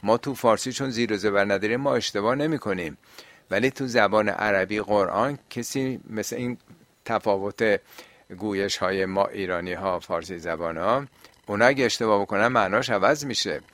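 In a question-and-answer talk, a man with a fairly low voice and a fairly bright tone explains religious questions, often posing rhetorical questions to his audience. The recording is close and dry, without any room sound.

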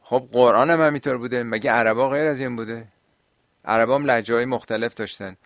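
A man's voice: mid-range voice, dry recording. A man teaching and answering listeners' questions on religion, explaining at length and often asking rhetorical questions.

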